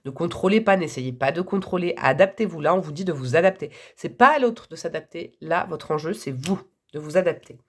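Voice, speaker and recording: A hoarse woman giving a casual, enthusiastic tarot reading to her viewers, chatty and quick to laugh. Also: fairly low pitch, lively intonation. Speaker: tarot reader.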